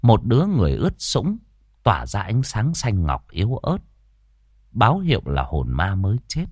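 A man narrating a ghost story in expressive audiobook style. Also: lowish voice, moderate pace, breathy edge, dry recording, studio quality.

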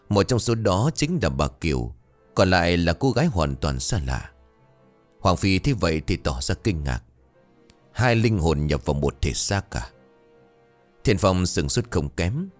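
A man reading a ghost story aloud in a dramatic, expressive way. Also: sits low. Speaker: narrator.

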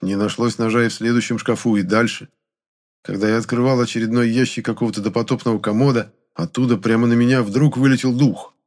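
A man reading a first-person audiobook in a steady storytelling manner. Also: medium pitch, fast talker. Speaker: audiobook narrator.

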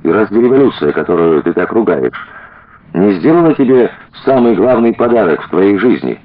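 An earnest young detective, played by a male reader, fervent and plain-spoken with a low, husky voice. His delivery is lively in pitch, and the recording sounds dull and lo-fi. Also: normal speed.

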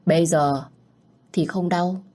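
A woman voicing a tender, playful young husband, speaking softly and affectionately. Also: on the low side, fairly even intonation, slow pace.

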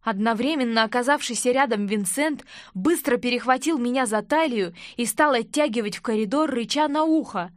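A woman reading a first-person fantasy audiobook in a lively, expressive way. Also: fairly high pitch, fairly quick, hardly any pauses, dry recording, studio quality. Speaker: audiobook narrator.

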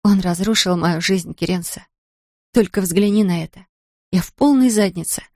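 A subdued young woman, as a woman narrator plays her talks softly about her troubles, wistful and hurt. The recording is close and dry. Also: lowish voice, moderate pace, no echo.

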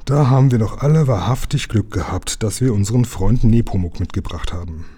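Calm earnest storybook engine driver, low, dark and husky, as a man reads him. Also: brisk. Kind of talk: storybook reading aloud.

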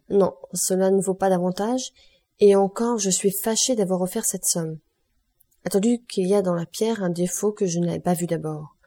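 A woman reading a classic novel aloud as an audiobook, giving the figures' lines with small changes in loudness. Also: on the low side, slightly rough. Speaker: audiobook reader. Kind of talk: scripted narration.

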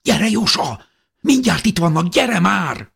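Man doing a panicked teenage girl's high cries. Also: very animated, creaky, a bit bright, slightly rough, full character voice. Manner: high, urgent, pleading cries. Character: frightened teenage girl, a younger sister.

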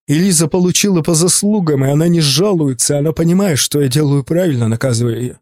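A man voicing a cruel, obsessed young man who threatens, speaking in a lowered menacing voice for an audiobook. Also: fast, darkish tone, dry recording, natural voice.

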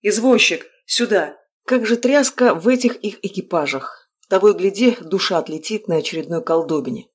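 Woman, audiobook narrator, first-person fiction, wry, lively storytelling. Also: lowish voice, brisk, hardly any pauses.

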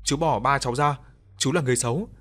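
A man voicing a small girl who cries and begs out loud for her father in an audio story. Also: medium pitch, fast talker, soft background music, close to an everyday voice. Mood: tearful, pleading. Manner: crying, begging out loud.

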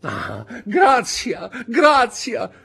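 An Italian man reading an audiobook, voicing a frightened male thief who stammers and pleads in a high, strained voice. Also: big pitch swings, normal speed, creaky, fairly bright tone, husky, faint music behind, exaggerated voice. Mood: terrified.

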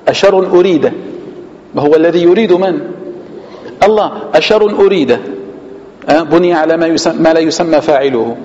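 Levantine sheikh teaching in an echoing mosque. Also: male voice, fairly high pitch, a little mellow. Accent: Levantine Arabic. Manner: explanatory, quizzes listeners with rhetorical questions. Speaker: sheikh teaching Quran commentary. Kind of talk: mosque lesson explaining scripture. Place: mosque hall. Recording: long hall reverb, dull lo-fi sound.

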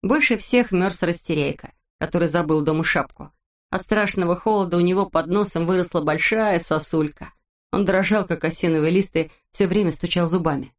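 A woman reading a children's book aloud as narrator, in a clear, expressive manner. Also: on the low side, moderate pace.

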